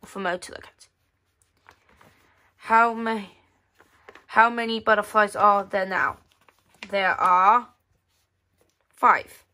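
A woman pages through a magazine on an indoor tabletop for a flip-through video, reading parts aloud and commenting casually with hesitant, rephrased lines. She speaks slowly with long pauses, her medium-pitched voice steady yet bright and forceful.

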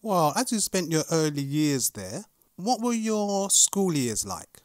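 A man hosting a podcast and asking polite, measured questions. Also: fairly high pitch, very animated, dry recording, studio quality. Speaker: podcast host. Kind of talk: interview hosting.

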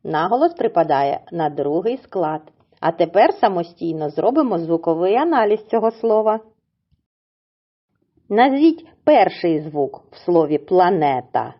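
Lady teacher talking to preschoolers, slow, bouncy sing-song voice, kinda muffled lo-fi audio. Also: on the low side, very animated. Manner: sing-song, coaxing teacher tone for small children; slow, syllable-by-syllable pronunciation. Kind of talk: children's lesson narration.

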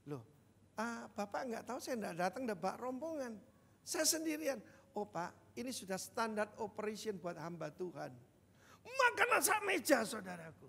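An older man delivers an animated sermon in a fairly high, gravelly voice, breaking into sudden loud bursts and speaking straight to the congregation. He is recorded in a large church hall with a long reverb trailing his words. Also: normal speed. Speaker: senior pastor.

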